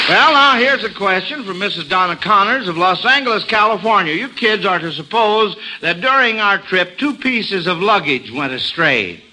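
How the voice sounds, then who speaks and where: An American man hosts an old-time radio quiz show for children, keeping up folksy, playful, exclamatory patter. His voice sits high with a sharp tone, and the rough old radio recording carries background noise.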